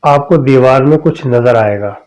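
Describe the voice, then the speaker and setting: A man telling of a gentle female jinn spirit. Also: medium pitch, close to an everyday voice, poor audio. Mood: reassuring. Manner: soft, reassuring, coaxing.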